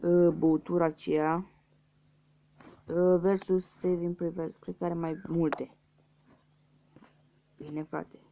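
A man's voice: fairly high pitch, level tone, gravelly, long pauses. A young man from Romania giving casual let's-play commentary, muttering guesses and swearing at losses. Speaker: gaming youtuber. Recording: dull lo-fi mic with faint hiss.

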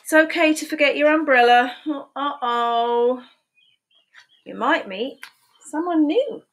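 Here a high-pitched woman in her fifties reads picture books to preschoolers, her storytime voice slow and sing-song. The webcam on her desk captures her in a small room at home.

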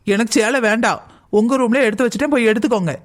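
A man voicing a resentful young daughter-in-law in a cartoon, complaining and quick to take offence. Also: very high voice. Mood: indignant. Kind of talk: cartoon voice acting.

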